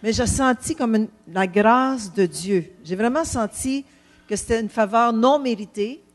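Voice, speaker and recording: A woman's voice: a little high, measured pace. A woman giving a chatty, self-deprecating church testimony. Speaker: pastor's wife, guest speaker.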